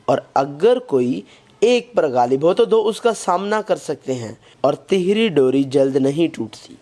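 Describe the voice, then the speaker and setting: A man reading a scripted Bible lesson in a measured, even way, quoting scripture as he goes. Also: a little high, slight background noise. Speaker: Bible study narrator.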